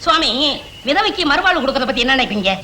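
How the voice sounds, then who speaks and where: A woman's voice: high-pitched, big pitch swings, quick pace, sharp tone, heavily acted. A woman playing a gossipy, wheedling village woman consulting a holy man in a film comedy. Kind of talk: 1980s film comedy acting.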